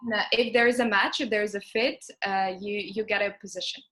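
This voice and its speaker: A woman's voice: mid-range voice, fairly even intonation, fast, fairly bright tone. A young woman from Ukraine, an alumna guest in an online interview, talking with many fillers and self-corrections. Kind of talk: conversational interview.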